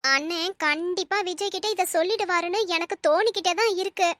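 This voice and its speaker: A woman's voice: very high-pitched, fairly quick, a bit bright, no echo, clean studio sound. A woman playing a meddling sister-in-law. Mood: conspiring. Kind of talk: family drama skit acting.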